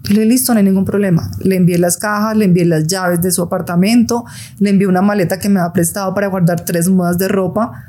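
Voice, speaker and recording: Podcast guest: middle-aged Colombian woman, mellow timbre, mid pitch, candid personal storytelling. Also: fairly even intonation, quick pace.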